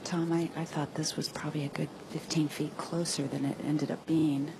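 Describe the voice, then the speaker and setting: Female golf analyst with a notably low voice, explaining play over clear background noise. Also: flat delivery, normal speed. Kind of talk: analytical live commentary. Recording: clear outdoor ambient noise.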